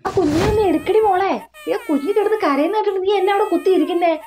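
A woman acting as a nagging middle-aged mother in a comic family skit, scolding with rapid questions. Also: very high-pitched, background noise. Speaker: mother of a new mother.

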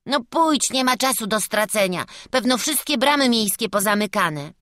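A cheeky brave little village boy, high and bright, always talking back. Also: animated, no echo, clean studio sound. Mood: teasing, brave. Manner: bold, pleading, quick to protest. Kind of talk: audiobook character voice.

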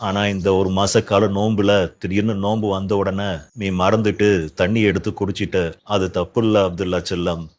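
A man playing a gentle, patient father who calmly explains a religious rule to his children. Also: lowish voice, no room sound, natural voice.

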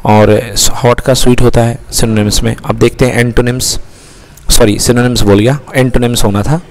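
A male teacher giving a lesson in Hindi mixed with English, who asks his own questions and then answers them. His voice sits at a middle pitch. A long reverb hangs behind his voice. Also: fairly even intonation, normal speed, a little mellow, a little hiss or hum. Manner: asks questions and answers them himself, calls listeners beta.

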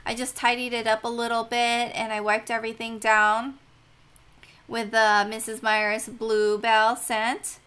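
A woman's voice: fairly high pitch, flat delivery, unhurried, pushed and bright, clean tone. A young woman vlogger chatting upbeat in a casual voice-over, often laughing as she talks.

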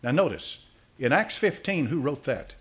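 A man's voice: mid-range voice, lively intonation, normal speed, a bit bright. An older man preaching a sermon from a church podium, reading aloud and commenting with many fillers and restarts. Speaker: pastor. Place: church sanctuary. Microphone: podium mic.

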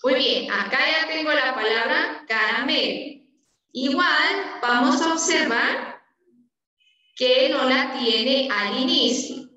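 A woman teaching a preschool class, speaking slowly and patiently, stretching out sounds and often checking that the children follow. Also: high voice, sharp tone, dull audio. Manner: slow, patient, drawn-out teaching with many check-ins. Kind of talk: online class lesson. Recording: very echoey room, from a distance.

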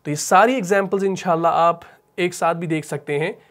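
A man with a Pakistani Urdu accent teaching a tajweed lesson, patiently explaining and asking and answering his own questions, with slow chanted recitation of verses. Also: fairly high pitch.

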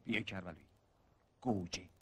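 A young soldier teases his comrade in a husky, mid-pitched voice. He sounds playful. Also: no echo. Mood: teasing. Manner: playful teasing. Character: young male soldier, teasing joker.

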